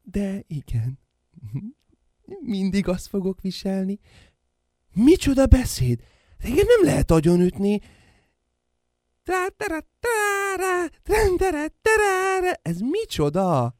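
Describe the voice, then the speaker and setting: A man playing a stammering, booming giant newborn. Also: big pitch swings, mellow, dry recording, clean studio sound. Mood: defiant. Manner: stammers, then booms hungrily. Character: giant newborn male baby, hungry, wild. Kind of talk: radio play acting.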